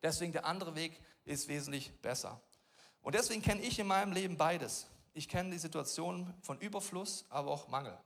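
Emphatic male pastor with a high-set voice. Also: brisk, creaky. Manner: emphatic, rhetorical questions, swings between loud and soft; casual, slangy preaching. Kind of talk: sermon.

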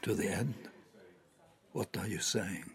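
An actor voicing a shaken man hearing his partner's past, slow and quietly exclamatory, in an audio drama. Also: fairly low pitch, slightly rough, heavily acted.

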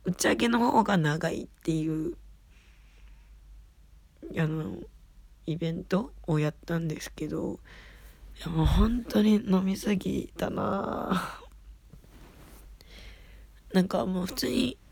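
A woman with a raspy, husky voice, an idol hosting her own radio show, rambling along in casual, self-deprecating solo chat. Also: fairly low pitch, slow, long pauses, a little mellow, no echo.

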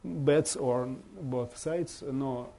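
A man from Russia with a Russian accent gives an informal slideshow talk as a visiting bishop, speaking halting non-native English and searching for words. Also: medium pitch, dark tone. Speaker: bishop giving a guest presentation.

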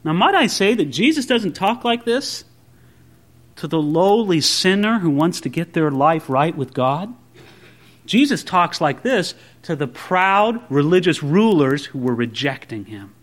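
A man's voice: on the high side, big pitch swings, a little slow. A man pastor preaching a sermon, asking his listeners questions and calling them his friends.

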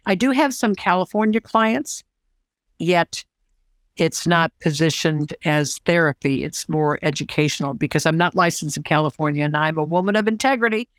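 A woman in her sixties, a social worker and counselor, talking as an interview guest in an enthusiastic, expressive way. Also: low voice, normal speed, no echo, clean studio sound. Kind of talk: casual conversation.

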